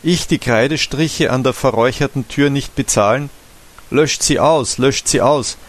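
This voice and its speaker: A man voicing a drunk, ranting village barber who shouts and wails in falsetto in a storybook reading. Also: normal speed, close to an everyday voice.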